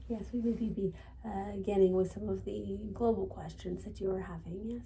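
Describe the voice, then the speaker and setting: A woman's voice: medium pitch, steady tone, normal speed, mellow, recorded from a distance, a little hiss or hum, natural voice, rough recording. A woman seance medium voicing a channeled spirit guide, formal and serene, in stilted instructive phrasing with questioning tags. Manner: formal, stilted phrasing, frequent tag "yes?".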